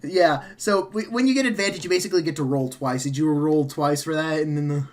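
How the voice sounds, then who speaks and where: A man's voice: fairly high pitch, brisk. Rambling, laughing game master man. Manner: rambling, laughs often, self-correcting. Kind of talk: running a tabletop game, casual.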